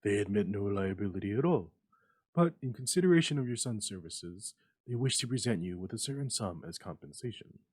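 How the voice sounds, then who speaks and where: Man acting solemn, halting company messenger. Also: lowish voice, lively intonation, slightly rough. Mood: formal, reluctant. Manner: quiet, halting, formal. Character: solemn, uneasy company messenger bearing bad news.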